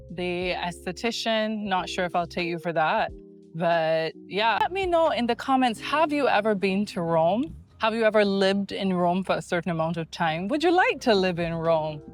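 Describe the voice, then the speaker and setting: A woman from Barbados, chatting casually on a handheld phone camera and asking her viewers questions as she runs errands. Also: medium pitch. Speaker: vlogger. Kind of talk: casual vlog chat. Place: out and about in a city, car and shops.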